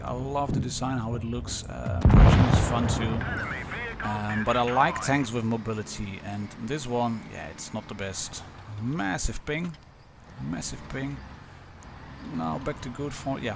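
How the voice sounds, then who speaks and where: A Dutch man with a Dutch accent, casually commentating a live game stream with many pauses and restarts. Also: medium pitch, creaky, very noisy. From Netherlands.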